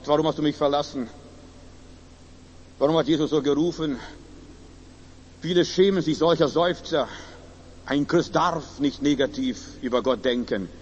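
Male preacher, sermon, high voice, emphatic outbursts, long reverb, faint background noise. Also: muffled recording. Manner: emphatic, shifts between loud exclamation and low quiet asides. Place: church service.

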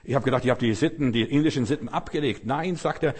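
A man's voice: medium pitch, quick pace, breathy edge. A middle-aged man preaching a sermon with emphatic rhetorical questions and repetition.

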